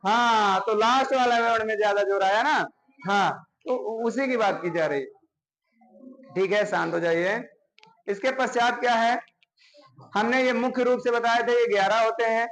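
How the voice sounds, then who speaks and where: Teacher, male, high-pitched, walks students through basics, constantly checks they're following. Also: normal speed, fairly bright tone, low-quality recording. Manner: explains step by step, often checking with "है ना?". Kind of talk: classroom grammar lesson.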